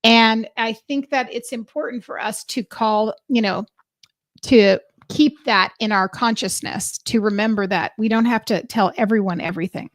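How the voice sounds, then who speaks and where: Higher-voiced woman giving a spiritual reading. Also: normal speed, no echo, studio quality. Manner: reflective, speaks to listeners directly with rhetorical questions. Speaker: spiritual reader and host of a weekly channeling show. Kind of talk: informal spiritual card reading, alternating reading aloud with chatty asides.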